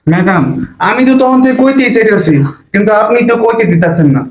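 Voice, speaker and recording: Brief: man playing a deferential servant boy, quick and high. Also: lively intonation, reverberant, muffled recording. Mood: pleading. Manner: pleading, deferential. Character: timid young male doorman's boy. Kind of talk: short comedy drama acting.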